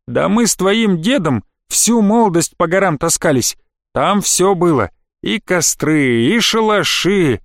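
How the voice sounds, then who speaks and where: A teasing old woman scolds and mocks in a fairly high voice, as a man puts her on. She nags like a fussy grandmother. The audiobook sound is close and dry. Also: lively intonation, measured pace, creaky, no room sound, exaggerated voice. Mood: scolding. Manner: mocking, scolding. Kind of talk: audiobook character voice.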